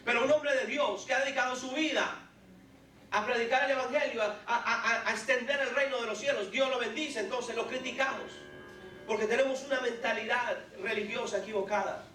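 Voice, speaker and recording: A man's voice: very high-pitched, steady tone, fairly quick, pushed and bright. A man preaching a fervent sermon as pastor, exhorting the congregation to have faith. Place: large church hall. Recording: echoey hall, distant mic, music behind.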